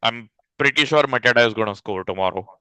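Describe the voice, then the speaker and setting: A man's voice: medium pitch, quick pace, smooth, dry recording, low-quality recording. A man co-hosting a casual football chat, often agreeing with short replies. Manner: brief agreeing replies, relaxed. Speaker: podcast co-host.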